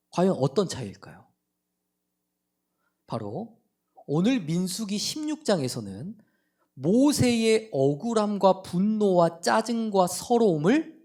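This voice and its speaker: A man's voice: high voice, a little mellow. A male pastor preaching a sermon in church, acting out quoted prayers with rising intensity.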